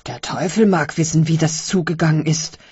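A woman's voice: low voice, normal speed, darkish tone, breathy edge, no room sound, highs cut off. A woman voicing a bewildered, timid male barber who mutters and frets in an audiobook reading. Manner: puzzled, fretful, muttering.

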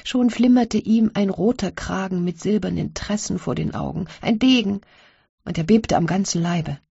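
A woman narrating a classic story as an audiobook reading, in a measured storytelling manner. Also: medium pitch, creaky, dark tone, husky, no room sound, dull audio.

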